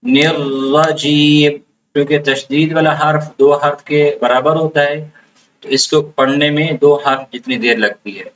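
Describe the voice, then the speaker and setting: A man's voice: fairly high pitch, steady tone. A man teaching the pronunciation of Quranic recitation, explaining patiently and drawing out words as he demonstrates them. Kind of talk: pronunciation lesson. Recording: dull lo-fi sound with faint background noise.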